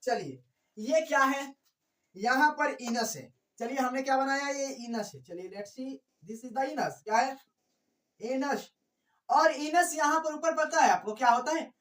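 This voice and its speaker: A woman teaching a biology class, her voice a little high, repeating each point and quizzing the room with rhetorical questions. She sits some way from the microphone in an echoey room, so the sound is distant and roomy. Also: lively intonation, unhurried. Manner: repetitive, keeps asking rhetorical questions; mixes in English terms. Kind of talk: classroom lecture. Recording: echoey room, far from the mic.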